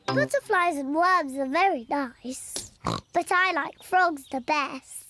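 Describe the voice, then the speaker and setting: A woman's voice: high-pitched, slow. A woman voicing a cheeky little girl piglet in a cartoon, bouncy and eager. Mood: excited. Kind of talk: cartoon voice acting. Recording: music under dialogue.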